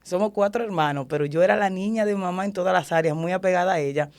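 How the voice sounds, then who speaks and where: Speaking fast in a low, slightly mellow voice, this Dominican woman earnestly recounts her life as an interview guest. She is a prophet and ordained minister from the Dominican Republic with a Dominican Spanish accent, and her talk is a testimony.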